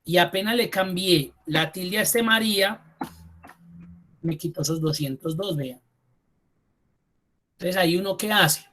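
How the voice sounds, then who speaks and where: A man teaching a spreadsheet class online. He repeats key terms slowly for emphasis and speaks to the students directly and informally. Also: high voice, pushed and bright. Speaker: computer course instructor.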